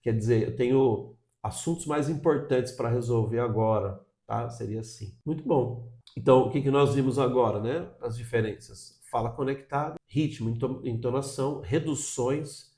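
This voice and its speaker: Brazilian guy teaching english, laid-back mellow tone, keeps saying "tá?", kinda roomy echo. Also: medium pitch, normal speed, few pauses. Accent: Brazilian Portuguese. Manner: explanatory, frequent "tá?" check-ins. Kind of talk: video lesson.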